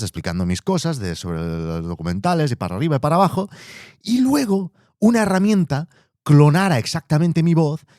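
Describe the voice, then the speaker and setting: A man's voice: mid-range voice, darkish tone, no room sound, studio quality. A man hosting a podcast, chatting casually, swearing freely and thinking aloud. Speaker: podcast host. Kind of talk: casual monologue.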